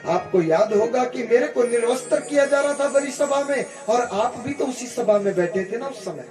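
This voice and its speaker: A man's voice: extremely high pitch, expressive, normal speed, recorded from a distance. A male preacher voicing a wronged noble queen who questions her elder reproachfully, inside a devotional story sermon. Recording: echoey room with music behind.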